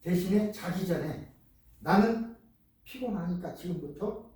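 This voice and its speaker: An older man, a professor giving a lecture, talking in an animated, emphatic way and repeating his key words. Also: high-pitched, measured pace. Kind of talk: lecture on speed reading. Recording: echoey room, voice from far off.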